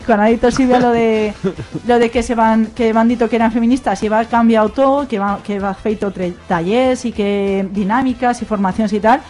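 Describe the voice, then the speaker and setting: A woman's voice: a little high, steady tone, moderate pace, darkish tone, faint music behind. Rambling Aragonese woman in radio chat. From Aragón. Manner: rambling, restarts, emphatic. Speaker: radio show guest. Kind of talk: casual roundtable chat.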